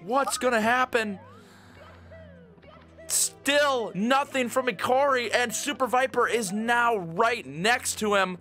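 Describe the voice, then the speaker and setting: Young male esports caller, hype and jokey, bright tone. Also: very high-pitched, takes it slowly, soft background music. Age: young adult. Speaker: commentator. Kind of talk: casual esports commentary.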